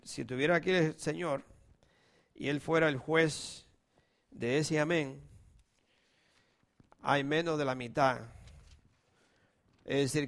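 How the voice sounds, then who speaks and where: A man preaching in a church with a somewhat high voice. He pleads and calls out with passion, then drops to a hushed, intimate tone for prayer. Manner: impassioned, swings between loud appeals and hushed prayer. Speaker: pastor. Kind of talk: sermon with scripture reading and prayer.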